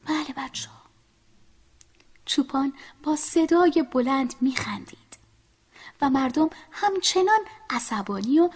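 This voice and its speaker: A woman telling a children's story, speaking to the children and often dropping to a soft whisper. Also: high voice, expressive, pauses often.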